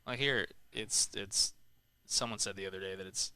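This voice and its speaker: A man's voice: lowish voice, fairly even intonation, normal speed, sharp tone, clear, resonant tone, no echo. A man doing casual pool commentary, chatty and laughing often.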